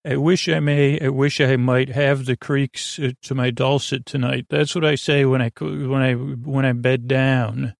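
A podcast host with a creaky, medium-pitched voice rambles through a bedtime monologue meant to help listeners fall asleep, meandering in a halting, goofy way and often interrupting himself. His delivery is flat, and the recording is dry and studio quality.

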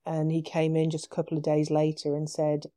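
Low-voiced British woman telling a story. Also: fairly quick, no echo, studio quality. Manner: animated retelling with quoted dialogue, frequent laughs. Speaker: guest, animal communicator. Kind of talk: casual podcast conversation, storytelling.

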